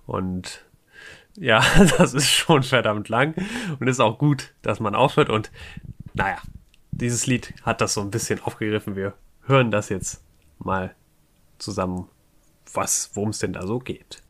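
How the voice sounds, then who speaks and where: Relaxed rambling male podcast host. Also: on the low side, a little slow, a little hiss or hum. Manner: relaxed, rambling, self-correcting. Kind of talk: casual podcast chat introducing a song.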